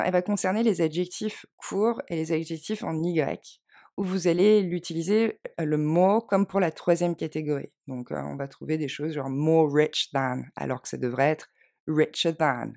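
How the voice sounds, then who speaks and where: Gravelly-voiced woman teaching grammar. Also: on the low side, a little mellow. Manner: clear, patient, spells out letters slowly. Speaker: English teacher. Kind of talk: French grammar lesson.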